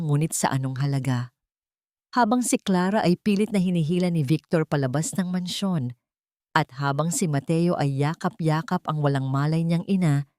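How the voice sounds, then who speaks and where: In a solemn, melodramatic style, a woman narrates a scripted dramatic story. Her voice is deep and warm. The recording is dry, with clean studio sound.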